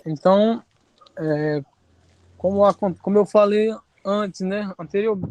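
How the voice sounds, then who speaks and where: A high-voiced man speaks as a guest in an online seminar. His pace is measured, with pauses, restarts and tag questions. The sound is dry and close, with no room echo, over a video call. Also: a little mellow. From Alagoas, Brazil.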